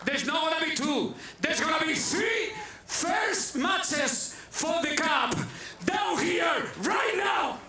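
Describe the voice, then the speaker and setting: Very high-pitched, theatrical male wrestling showman. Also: animated, takes it slowly. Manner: theatrical, emphatic, repeats phrases. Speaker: wrestling promotion president. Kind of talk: showman's speech to a live crowd. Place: indoor wrestling arena before a crowd. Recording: very echoey arena, loud crowd noise.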